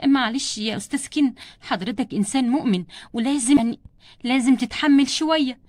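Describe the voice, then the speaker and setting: A woman voicing a hesitant female doctor with an Egyptian accent, halting and soothing as she breaks bad news. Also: high-pitched, darkish tone, dry recording, clean studio sound, lightly acted. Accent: Egyptian Arabic. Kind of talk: doll play storytelling.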